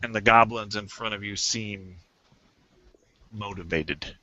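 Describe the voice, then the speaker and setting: A man runs a tabletop game at an easy, slow pace, with a bright voice. He laughs and stumbles through the rules. The recording is dry and dull, with a lo-fi sound. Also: fairly low pitch, dry recording. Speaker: game master.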